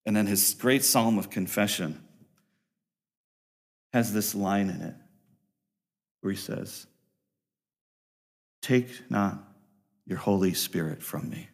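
A pastor preaches to his congregation, driving his points home with rising emphasis before sinking into quiet, low stretches. He often repeats and restarts phrases as he builds a thought, and his earnest delivery is slow, with long pauses between the loud peaks and hushed passages.

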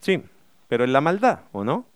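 A man's voice: fairly high pitch, very animated, moderate pace, smooth, no echo, studio quality. A middle-aged man, preaching a sermon as pastor, emphatic and full of rhetorical questions.

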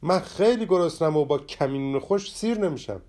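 A man's voice: medium pitch, lively intonation, warm tone, natural voice. A man voicing a jealous, self-pitying traveler in a storybook tale who keeps complaining. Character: grumbling jealous man traveler, Ahmad Bek.

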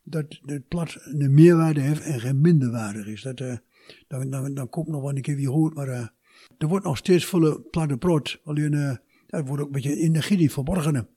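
An older man speaks with a Twente Dutch accent in an interview. His voice is husky and soft-edged, set a little high for a man. He talks haltingly, doubling back on words as he looks for the right phrase. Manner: halting, repeats words while searching for phrasing. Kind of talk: conversational interview.

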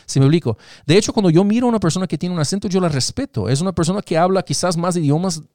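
A man's voice: sits high, rapid-fire, a little mellow, dry recording, clean studio sound. A man with Latin American roots in a casual political discussion, asking rhetorical questions and often restarting his sentences. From Latin American roots, raised in the United States.

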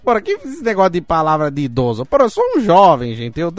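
Brazilian old-uncle type, cranky, insists he's young, a touch high, dry read, as the male host puts it on. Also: huge pitch swings, fast talker, no echo. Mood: indignant. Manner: grumbling, indignant, swearing often. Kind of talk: comic advice segment.

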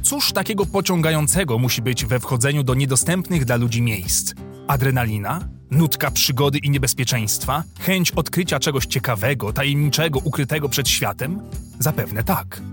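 A man's voice: mid-range voice, expressive, normal speed, faint music behind. A man delivering satirical scripted commentary as narrator, with a sarcastic, mocking manner.

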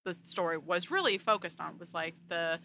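Chatty woman cohost, bright voice, faint background noise. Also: lowish voice, normal speed. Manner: chatty, lots of "like" fillers. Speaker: podcast co-host. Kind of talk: casual chat.

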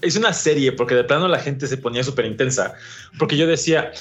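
A man's voice: mid-range voice, fast, faint music behind. A man, a podcast guest explaining ideas in casual chat and acting out quoted dialogue. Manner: animated, acts out quoted dialogue. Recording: slightly muffled sound.

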